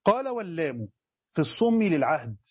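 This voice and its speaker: Man, Egyptian accent, sheikh explaining scripture, rapid delivery, husky voice, dull dry recording. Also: fairly high pitch, sing-song, dry recording. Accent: Egyptian Arabic. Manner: explanatory, asks students questions. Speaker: sheikh teaching Quran commentary. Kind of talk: religious lesson.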